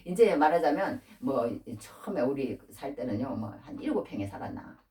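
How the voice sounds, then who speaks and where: A woman's voice: rumbling low, expressive, moderate pace, mellow, far from the mic. A middle-aged woman preacher giving an informal sermon, chatty and acting out everyday scenes with frequent laughter. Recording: roomy church sound, voice from off the mic.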